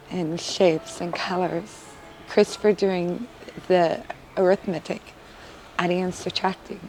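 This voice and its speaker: A woman's voice: fairly low pitch, a little mellow, low-quality recording. A woman, a mother, giving an earnest, emotional testimonial in an interview. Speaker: parent interviewee.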